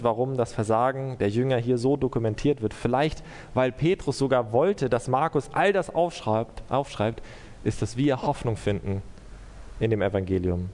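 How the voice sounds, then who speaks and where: A man preaching a sermon in German and then leading a prayer, earnest and measured, with rhetorical questions to the congregation. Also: mid-range voice, mellow, long reverb tail. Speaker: pastor.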